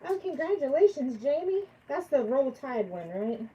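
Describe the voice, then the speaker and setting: A woman's voice: sits high, big pitch swings, normal speed, dull audio. A woman chatting casually during a live craft stream, congested from allergies, thinking aloud and answering viewers by name. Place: home craft workspace.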